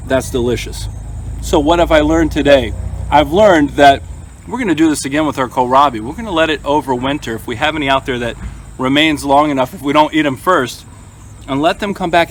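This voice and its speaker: A man's voice: medium pitch, slight background noise. A man hosting a gardening vlog, talking casually and explaining each step as he demonstrates and tastes his harvest. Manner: chatty, plain-spoken, explains each step as he goes. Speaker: gardening channel host.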